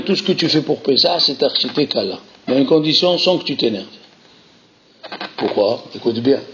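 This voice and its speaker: A man teaches a Torah class in an animated, insistent way, circling back to repeat his key phrases. His voice sits a bit high. The recording is muffled and lo-fi. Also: slight background noise. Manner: animated, repeats key phrases, mixes Hebrew terms into French. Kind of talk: Torah lesson.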